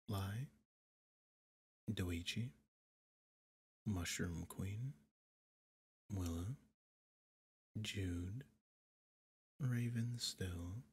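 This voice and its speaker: Male creator reading a credits list of names, very slow and deliberate, husky breathy tone. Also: lowish voice. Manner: slow, measured name reading. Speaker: audio creator thanking supporters.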